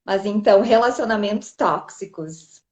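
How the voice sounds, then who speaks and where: A woman's voice: mid-range voice, normal speed, a little mellow. A woman hosting a casual live stream, greeting viewers by name and chatting.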